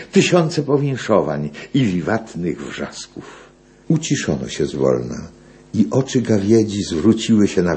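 A man reading epic poetry aloud in a slow, declamatory way. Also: very deep voice, darkish tone.

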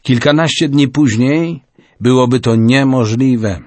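A man narrating a storybook in an expressive reading style. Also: mid-range voice, a little slow, no room sound.

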